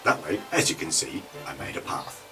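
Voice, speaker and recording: A man's voice: very deep voice, big pitch swings, normal speed. A man playing a tabletop game, laying out his character's plan in a matter-of-fact way. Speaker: player. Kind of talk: in-character tabletop role-play. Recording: distant mic with background music.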